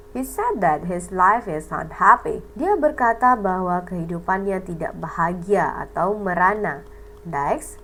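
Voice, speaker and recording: Indonesian woman, English vocab teacher; slow, deliberate reading, lively pitch. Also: slight background noise, low-quality recording. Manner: reads each English word slowly, then gives its meaning. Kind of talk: slow vocabulary lesson reading example sentences.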